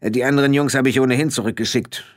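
A man voicing a tiny, pugnacious fairy man who talks loudly and defiantly. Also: medium pitch, steady tone, fast talker, voice pushed up, lightly acted. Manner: loud, defiant, blustering. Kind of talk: audiobook character voice.

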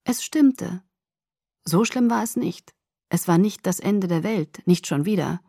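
A woman narrates a novel in the first person, reading with open emotion. Her voice is husky. The recording is dry and close, with no room sound. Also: lowish voice, lively intonation, a little slow, warm tone, no echo. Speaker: audiobook narrator.

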